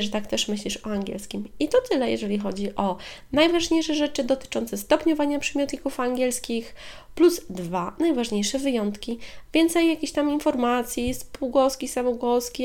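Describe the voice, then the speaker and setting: A woman hosting a podcast lesson, speaking directly to the listener and saying English examples slowly and with emphasis. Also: fairly high pitch, a little mellow. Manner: switches between Polish and slow, emphatic English examples; friendly, direct address to the listener. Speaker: podcast host and English teacher.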